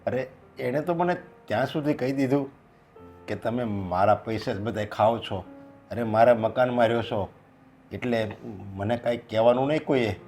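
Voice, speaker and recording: Actor as defeated middle-aged father, sighing, soft score under. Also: medium pitch, normal speed, lightly acted. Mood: hurt. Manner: grieving, heavy sighs. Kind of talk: short film acting. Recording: faint background music. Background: faint music.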